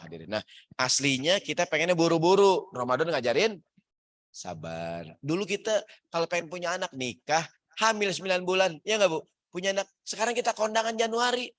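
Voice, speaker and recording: A man preaching a lively, jokey sermon in a mosque, often calling out to the audience and acting out characters in higher voices. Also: dry recording, studio quality. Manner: lively, jokey, keeps addressing the audience as "hadirin". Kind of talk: humorous sermon to an office congregation. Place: mosque prayer hall.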